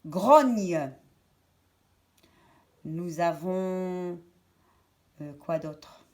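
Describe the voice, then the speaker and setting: A woman teacher giving a lesson to young children, speaking slowly and clearly and repeating words and syllables. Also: lowish voice.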